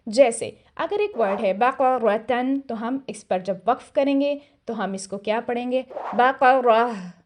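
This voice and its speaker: A woman with an Urdu accent teaching a recitation lesson in a calm, measured way, sounding out syllables slowly and clearly. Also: a little high, a little hiss or hum. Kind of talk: scripted tajweed lesson.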